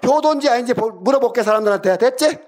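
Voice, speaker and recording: A man's voice: very high-pitched, animated, fast talker, a little mellow. A middle-aged man in a heated phone argument with his younger brother, hurling insults and taunting questions. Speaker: older brother.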